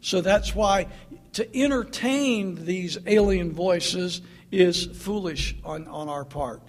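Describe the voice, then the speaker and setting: Guy preaching a sermon, high voice, slow and emphatic, keeps repeating himself. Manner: earnest, repetitive, emphatic preaching.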